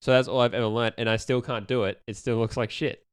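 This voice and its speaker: A man's voice: medium pitch, fairly even intonation, quick pace, clear, resonant tone, dry recording, studio quality. A young man co-hosting a casual podcast, rambling with lots of ums and restarts as he asks questions. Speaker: podcast co-host asking questions. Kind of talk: casual chat.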